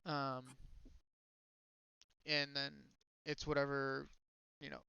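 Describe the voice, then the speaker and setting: A man's voice: medium pitch, little pitch movement, slow pace, sharp tone, clear, resonant tone, dry recording, lo-fi sound. A man chatting casually as a tabletop game player, rambling with lots of fillers. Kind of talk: casual chat.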